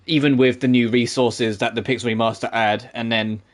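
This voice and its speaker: Man, gaming commentary, casual and rambling, mid-pitched voice. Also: fairly even intonation, brisk, a little hiss or hum. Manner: chatty, laughs often, rambling asides. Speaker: gaming streamer.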